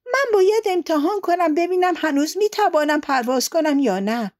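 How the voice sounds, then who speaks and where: A woman's voice: very high voice, lively intonation, darkish tone, voice pushed up. A woman voicing a worn-out, stubborn crow with a determined manner.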